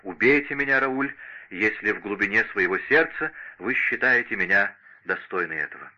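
A man's voice: fairly low pitch, expressive, moderate pace, pushed and bright, lo-fi sound, full character voice. A man voicing a lovesick young French noblewoman who pleads with passion in an audiobook. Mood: pleading. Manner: impassioned, imploring. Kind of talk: audiobook character reading.

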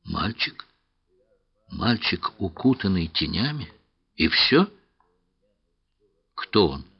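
A man with a deep voice reads a puzzled young man who searches for words as he tries to understand. His speech is earnest and halting. The recording has a slightly muffled, lo-fi sound. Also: big pitch swings, slightly rough, dry recording, heavily acted.

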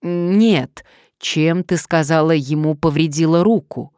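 A woman's voice: low-pitched, takes it slowly, darkish tone, dry recording, studio quality. Woman voicing a cold male blackmailer. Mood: menacing. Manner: cold, clipped threats. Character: menacing male blackmailer on the phone. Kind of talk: audiobook character reading.

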